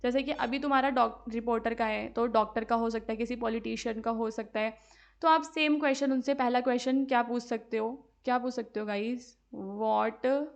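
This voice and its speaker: A woman's voice: on the high side, steady tone. A woman teacher explaining exam answers step by step, mixing Hindi and English and often checking with her students. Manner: slowly spells out English sentences word by word while dictating. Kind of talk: exam-prep lesson.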